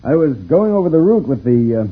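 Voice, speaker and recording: A man's voice: a little high, big pitch swings, brisk, breathy edge. An actor playing an amiable, fatherly space troubleshooter who explains things easily in an old radio serial. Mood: friendly, reassuring. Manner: easygoing, explanatory, chuckling. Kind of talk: 1950s radio serial acting. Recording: muffled, tinny old radio recording.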